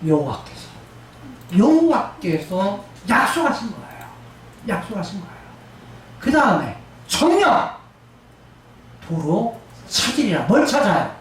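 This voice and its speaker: A woman's voice: medium pitch, very animated. A woman pastor preaching a sermon, drawing out emphatic phrases and calling for answers from the congregation. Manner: call-and-response with congregation, drawn-out emphatic phrases. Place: church sanctuary. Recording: very echoey church hall, distant mic, faint room noise.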